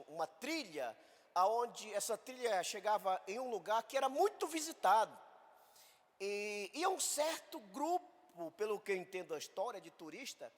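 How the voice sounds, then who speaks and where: A man from Brazil, a pastor, telling a story in an animated sermon and acting out voices in the quotes. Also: sits high, big-room sound. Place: church hall.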